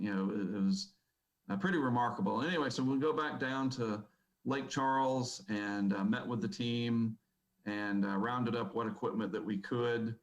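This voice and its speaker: A man's voice: mid-range voice, a bit bright, rough recording. A man speaking at a conference, telling a story in a casual, rambling way with many fillers. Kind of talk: presentation talk. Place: conference hall.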